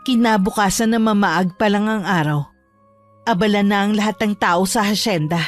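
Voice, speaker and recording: Female storyteller for a horror audio drama; measured and grave. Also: mid-range voice, faint music behind. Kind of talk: scripted horror narration.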